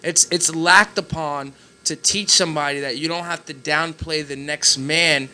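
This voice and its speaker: A man co-host talks in long, emphatic, rambling stretches at a desk mic in a graffiti-walled studio. His voice is a little high for a man and very bright and crisp. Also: steady tone, moderate pace. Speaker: podcast co-host. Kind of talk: casual chat.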